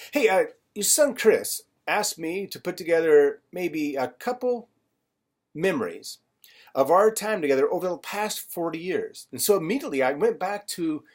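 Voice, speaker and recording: A middle-aged man telling a friend stories from their past in a personal video message, acting out what people said along the way. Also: on the high side. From California. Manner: warm storytelling, reminiscing, acts out quoted lines. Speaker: financial advisor.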